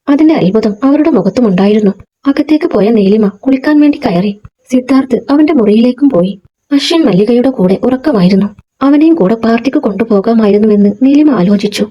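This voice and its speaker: Mellow, breathy woman telling a story. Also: a little high, lively intonation, fairly quick, muffled recording. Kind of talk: scripted story narration.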